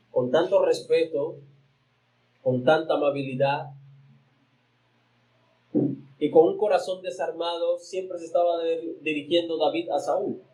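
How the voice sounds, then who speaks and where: A man with a high voice preaches a sermon as pastor. He reads scripture aloud with emphatic rises and falls in pitch. He often repeats a word while finding the rest of his phrase. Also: a little mellow, rough recording. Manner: repeats words while searching for the next phrase.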